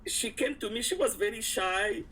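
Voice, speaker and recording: A woman's voice: on the high side, normal speed, slight background noise. A woman guest in an interview, telling a personal story casually and acting out the dialogue as she goes. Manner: animated retelling with acted-out quotes and frequent chuckles.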